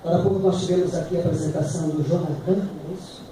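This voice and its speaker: A middle-aged man with a Brazilian Portuguese accent, preaching a sermon as pastor, fervent and building to loud emphatic peaks. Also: fairly high pitch, steady tone, rapid-fire. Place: church hall. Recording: echoey hall, distant mic, noisy.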